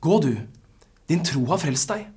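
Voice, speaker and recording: A preacher voicing a calm male teacher who speaks gently and measuredly, with a husky voice. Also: medium pitch. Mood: gentle.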